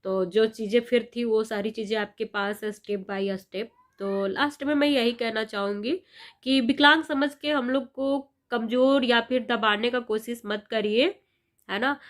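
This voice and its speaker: A woman's voice: a little high, a bit bright. A young woman vlogger speaking passionately and indignantly to her viewers, recounting an incident. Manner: impassioned, indignant, addresses viewers directly. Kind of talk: emotional first-person vlog recounting an incident.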